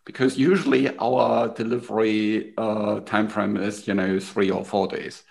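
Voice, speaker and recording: Man, podcast host, casual chat, gravelly voice, repeats words for emphasis. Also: on the low side, flat delivery, a little slow, a little mellow.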